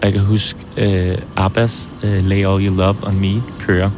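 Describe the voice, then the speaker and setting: A man in his twenties, speaking hesitantly and thoughtfully in an interview, often pausing and restarting. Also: low-pitched, little pitch movement, over music. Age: 20s. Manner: hesitant, pauses and restarts, searching for words. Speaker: film director interviewed about his heart surgery. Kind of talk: reflective interview.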